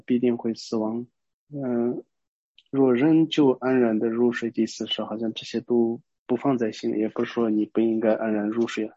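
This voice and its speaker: A man gives a Buddhist dharma talk, explaining a verse in a halting, unhurried way with frequent pauses and restarts. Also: medium pitch, mellow, slightly rough, no echo. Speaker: Buddhist teacher. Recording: dull, lo-fi dry recording.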